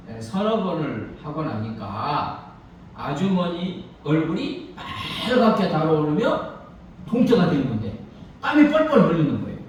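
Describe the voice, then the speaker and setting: A man's voice: on the high side, a little mellow, slight background noise. A man preaching a sermon as pastor, telling a story and asking the congregation rhetorical questions. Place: church sanctuary. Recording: echoey hall, mic from far off.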